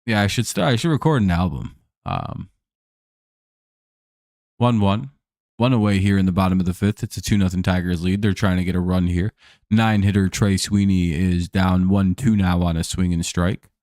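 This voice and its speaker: On a live stream, a man calls baseball plays casually in a low, slightly mellow voice at normal speed, recorded dry with clean studio sound. Laid-back and jokey, he chats with viewers between plays, his voice a little worn from talking all day.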